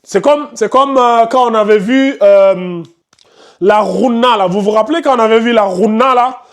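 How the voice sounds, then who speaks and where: A man teaching Quran recitation to a class in a classroom, explaining patiently, repeating himself and firmly hushing chatty students. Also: high-pitched, normal speed, clear, resonant tone. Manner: firm, scolds chatty students and asks the class questions; explains patiently with many repetitions. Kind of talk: classroom tajwid lesson.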